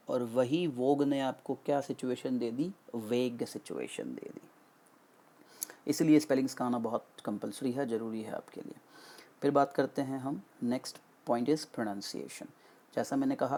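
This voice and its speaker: A man's voice: mid-range voice, mellow. A male English vocabulary teacher giving a classroom-style lesson that mixes Hindi and English, explaining step by step and asking and answering his own questions. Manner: slows down to spell out English meanings.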